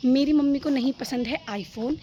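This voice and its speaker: A woman's voice: sits high, moderate pace, warm tone, dull audio, a little hiss or hum. A young woman vlogging into her phone camera on a rooftop, chatty and rambling, often giggling. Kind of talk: casual chat to camera. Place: rooftop outdoors.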